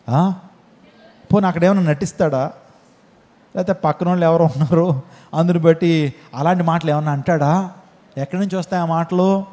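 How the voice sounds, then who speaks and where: Male pastor, high mellow voice, sermon delivery full of rhetorical questions, echoing church hall. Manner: preaching with rhetorical questions, acting out cries.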